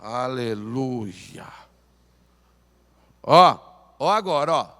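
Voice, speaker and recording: A Brazilian pastor preaching a lively sermon in church, urging the congregation to repeat phrases aloud. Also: male voice, mid-range voice, drawn-out words. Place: church sanctuary. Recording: church hall reverb.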